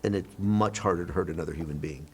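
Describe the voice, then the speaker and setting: Man, lowish voice, interview, reflective and explanatory, some fillers. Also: quick pace, over music. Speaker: foundation representative interviewed.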